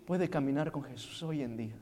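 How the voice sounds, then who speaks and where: A man preaching a sermon, asking the congregation questions and swinging between quiet passages and loud, impassioned ones. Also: mid-range voice, a little fast. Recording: long hall reverb.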